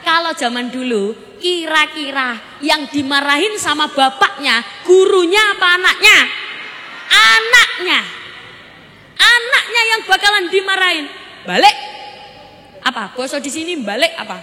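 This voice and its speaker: Woman preacher at a village gathering, high voice, playful and questioning, booming PA echo. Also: moderate pace. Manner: lively, jokey, quizzing the audience. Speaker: Islamic preacher. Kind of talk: humorous village sermon. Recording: reverberant PA with faint crowd and noise.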